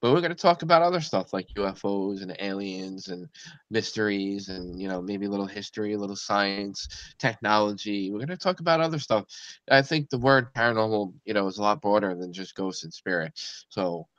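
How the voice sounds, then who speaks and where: A man's voice: on the low side, a little fast, fairly bright tone, no room sound, highs cut off. A man co-hosting a podcast, talking in a rambling, earnest way with lots of fillers. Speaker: podcast co-host. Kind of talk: casual podcast chat.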